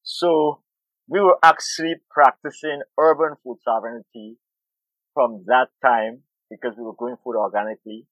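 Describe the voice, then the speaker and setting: An interview guest from Guyana, a middle-aged man who farms in the city and campaigns on food, discusses farming thoughtfully, frequently repeating words as he gropes for them. His mid-range voice stays fairly even, at normal speed and a bit bright. The audio is echo-free but tinny, phone-like.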